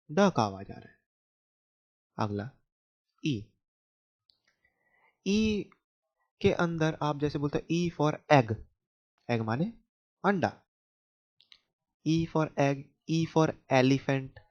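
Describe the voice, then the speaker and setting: Slow, patient Indian man teaching phonics. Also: mid-range voice, a little mellow. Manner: explains patiently, asks questions back to kids. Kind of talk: slow phonics lesson for children. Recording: dull lo-fi home recording.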